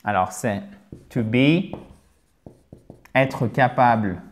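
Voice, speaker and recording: A man's voice: medium pitch, extremely slow, slight background noise. A man teaching English pronunciation in an online lesson, playfully stretching vowel sounds to demonstrate them and often checking in with his listeners.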